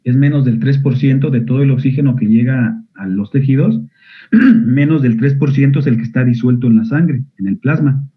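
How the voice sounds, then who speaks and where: A male medical school lecturer giving an online physiology class. He often quizzes his students and clears his throat. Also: mid-range voice, moderate pace. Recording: narrow phone-like audio.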